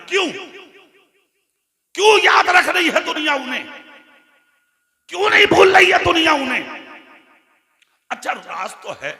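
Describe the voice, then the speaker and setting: A man giving a religious sermon, shouting at the peaks and dropping low for the storytelling. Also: gravelly. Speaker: preacher. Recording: echoey hall with crowd.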